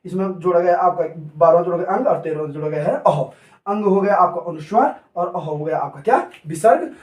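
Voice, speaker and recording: A man's voice: sits high, a little mellow, recorded from a distance. A male teacher giving a classroom lecture, asking questions and answering them himself, drilling the point. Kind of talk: classroom lecture with call-and-response. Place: coaching classroom. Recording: echoey room, voice off-mic.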